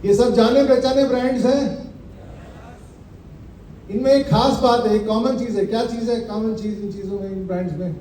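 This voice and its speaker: A man giving a motivational business presentation, quizzing his audience with rhetorical questions and repeating slogans slowly for effect. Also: very high voice, steady tone, warm tone, a little hiss or hum. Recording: echoey hall, mic at a distance.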